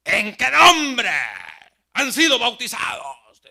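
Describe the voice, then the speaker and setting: Preacher putting on a high, shouting, pushy churchman who won't let up, bright and sharp. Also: animated, slow pace, vocal fry, exaggerated voice. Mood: demanding. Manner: loud insistent demanding questions. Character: pushy zealous male church member, insistent.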